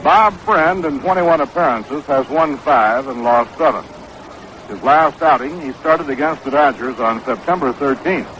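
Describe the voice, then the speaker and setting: An American man does baseball play-by-play like a 1960s live radio broadcast from an outdoor ballpark booth. His voice is medium in pitch, slightly slow and a bit bright, with lo-fi sound and a little background noise.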